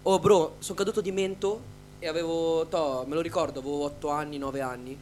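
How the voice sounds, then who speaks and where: A man's voice: on the high side, steady tone, darkish tone, soft background music. A young man in casual podcast chat, eager and slangy, telling a childhood mishap. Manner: quick, slangy, eager, says bro often. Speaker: podcast co-host.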